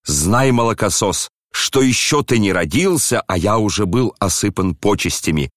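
A man's voice: sits low, animated, takes it slowly, no room sound, clean studio sound. A man voicing an old, proud general who rants and bellows in outrage. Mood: ranting.

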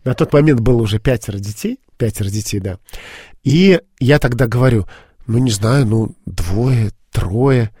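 A man as an interview guest, recounting a personal story with many pauses, fillers and restarts. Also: medium pitch, lively intonation, warm tone, husky, no room sound, studio quality.

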